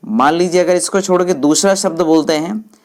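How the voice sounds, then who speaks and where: A woman teaching English, explaining each point slowly and repeating English phrases in Hindi while speaking to viewers as friends. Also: lowish voice, darkish tone.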